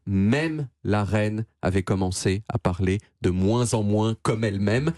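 A man delivers a playful radio chronicle, explaining things in a chatty way and restarting his words now and then. His voice has a husky edge. It sounds dry and close on a studio microphone. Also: mid-range voice, darkish tone, no echo. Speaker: radio columnist.

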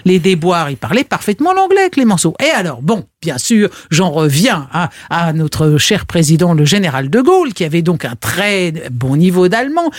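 Homme conteur animé, voix sèche de studio. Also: male voice, sits high, normal speed, few pauses, no echo. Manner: animated storyteller, playful asides. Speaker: history chronicler on a radio show. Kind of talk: lively radio chat with anecdotes.

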